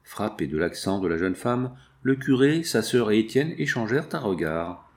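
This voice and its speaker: Lower-voiced man reading a novel aloud. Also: expressive, moderate pace. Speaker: audiobook reader. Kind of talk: scripted narration.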